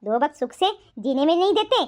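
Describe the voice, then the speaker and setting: A woman voicing a sharp-tongued young daughter-in-law in a cartoon, scolding and snappy. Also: sits high, very animated, brisk. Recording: slightly dull, music behind.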